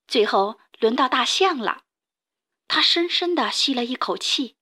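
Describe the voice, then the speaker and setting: Woman reading a kids story out loud, lively, high voice. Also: a little slow. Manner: lively, expressive narration.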